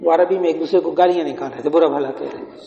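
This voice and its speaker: A man's voice: fairly high pitch, steady tone, vocal fry, dark tone. Older man, scholarly lecture in an echoey hall. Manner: explanatory, quizzes his listeners. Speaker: Islamic scholar. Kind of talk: religious Q&A lecture. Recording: echoey hall, dull lo-fi sound.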